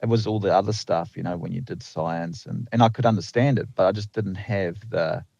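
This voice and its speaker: In a casual podcast interview, a lineman from the Netherlands with a slight New Zealand accent rambles, stumbling through fillers and restarts. He speaks fairly quickly in a low-pitched, darkish voice with vocal fry, in a slightly lo-fi recording without echo.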